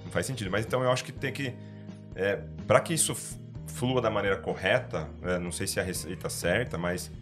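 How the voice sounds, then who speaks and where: A man, a guest in a casual podcast discussion. He reflects out loud and poses rhetorical questions to himself. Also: low-pitched, brisk, over music.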